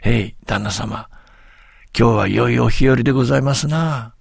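A man's voice: mid-range voice, normal speed, gravelly, slightly rough, no room sound, clean studio sound. A man voicing a sly, boastful village tall-tale teller who speaks with humble, servile politeness. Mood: sly, polite.

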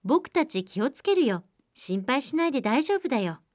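A woman's voice: high-pitched, big pitch swings, normal speed, no room sound, studio quality, voice pushed up. A woman voicing a group of young goat kids in a storybook, talking in a bold, childish way. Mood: reassuring.

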